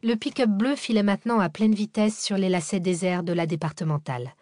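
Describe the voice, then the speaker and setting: A woman narrating a thriller audiobook in a steady, measured reading. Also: medium pitch, dry recording, clean studio sound.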